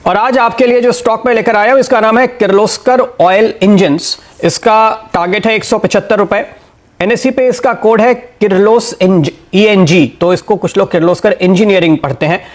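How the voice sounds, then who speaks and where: A man giving a steady stock market analysis and talking straight to viewers, explaining why he recommends each share. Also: sits high, normal speed.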